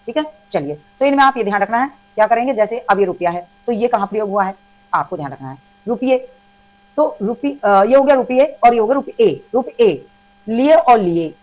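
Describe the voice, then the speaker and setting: A woman teaching an exam-prep Hindi grammar lesson, patiently repeating examples and addressing students as children. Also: a little high. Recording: dull lo-fi sound with mains hum.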